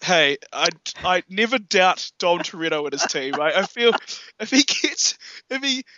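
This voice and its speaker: A man in casual film chat, animated, laughing often and acting out quotes. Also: high-pitched, a little slow, no room sound, muffled recording.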